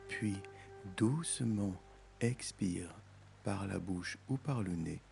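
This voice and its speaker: A man guiding a meditation in a soft, soothing, intimate voice, as if speaking right into your ear. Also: sits low, takes it slowly, vocal fry. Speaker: meditation guide. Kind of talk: guided meditation. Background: music.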